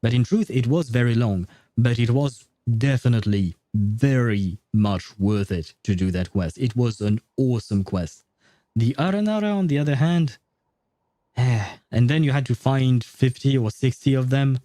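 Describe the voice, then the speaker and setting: Chatting casually with viewers during a gameplay livestream, this non-native English speaker comes across polite, hesitant, and rambling, with faint game music behind him. He has a warm, medium-pitched voice at normal speed, recorded at studio quality with no room sound.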